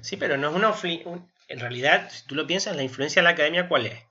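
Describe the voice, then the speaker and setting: A man's voice: fairly high pitch, fast, bright, forceful tone, lo-fi sound. A man co-hosting a podcast, explaining at length in casual chat, thinking aloud with fillers and tag questions. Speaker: podcast co-host.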